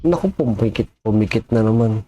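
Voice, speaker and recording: A man's voice: on the low side, lively intonation, fairly quick, mellow. A man giving casual reaction commentary on a video, chatting to viewers and cursing when startled. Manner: jumpy, exclaims and curses when startled.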